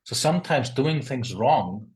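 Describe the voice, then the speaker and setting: A man's voice: medium pitch, expressive, unhurried, darkish tone. A man from Iceland, speaking as a panelist in a webinar discussion and talking in a thoughtful way while he searches for the right words.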